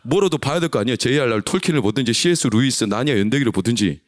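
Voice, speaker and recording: A male senior pastor preaches to a youth service in an animated, conversational way, and his pitch leaps up and down. He jokes with the congregation between points. The sound is close and dry, with no room around it. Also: very fast, no echo. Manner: lively, conversational, teasing the congregation.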